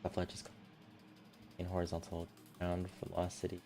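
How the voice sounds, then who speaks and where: A man on a casual livestream, thinking aloud as he tweaks his game's settings. His voice sits very low with a rough, gravelly fry. Soft music plays faintly behind him. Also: completely flat delivery, normal speed. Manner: muttering settings while tinkering. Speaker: streamer developing a game.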